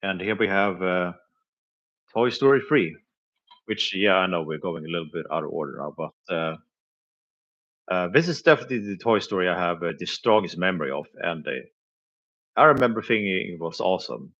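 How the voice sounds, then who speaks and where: Reviewing flea market finds on a live stream, a man chats casually in a low-pitched, expressive, fairly bright voice at a normal speed, pausing often. He's hesitant, full of filler sounds, and chuckles between thoughts. The audio is dull and lo-fi.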